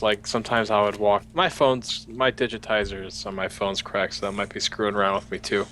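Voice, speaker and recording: A man's voice: on the low side, a bit bright, a little hiss or hum. A man co-hosting a gaming podcast, joking and teasing his friends in casual chat. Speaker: podcast co-host.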